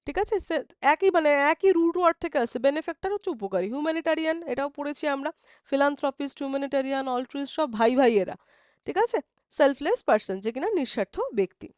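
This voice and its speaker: In a live online exam-prep class, a woman with a Bengali accent teaches English vocabulary, explaining in Bengali, reading English definitions slowly and often asking "ঠিক আছে?". Her voice is high and darkish with lively intonation, recorded cleanly in a studio with no room sound.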